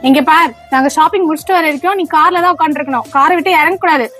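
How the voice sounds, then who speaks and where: A woman's voice: high-pitched, rapid-fire, over music, lightly acted. A woman playing a strict stepmother who gives orders and scolds in a comedy skit. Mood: stern. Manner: bossy, scolding commands.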